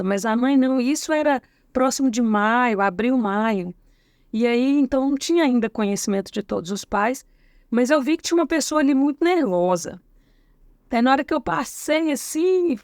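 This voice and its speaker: A middle-aged woman with a Brazilian Portuguese accent tells a story as a guest in a relaxed interview. Her voice sits a little high for a woman. She acts out the people in the story, speaks in their voices, and keeps checking in with short tag questions. The sound is dry and close. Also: no echo. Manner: acts out quoted dialogue, frequent tag questions. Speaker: guest educator. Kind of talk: anecdotal storytelling in a casual interview.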